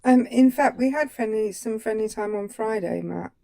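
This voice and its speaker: Gravelly-voiced woman trading wry remarks. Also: on the high side, normal speed, mellow. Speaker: co-host. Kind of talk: casual live stream chat.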